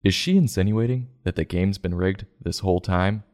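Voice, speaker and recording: A man's voice: low voice, normal speed, a little mellow. A man hosting a comedic review show, narrating and commenting in an irreverent, sarcastic, profane way.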